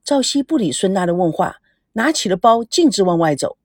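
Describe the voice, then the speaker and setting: A woman radio host narrating a serialized story in an expressive storytelling manner. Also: mid-range voice, brisk, no echo, clean studio sound.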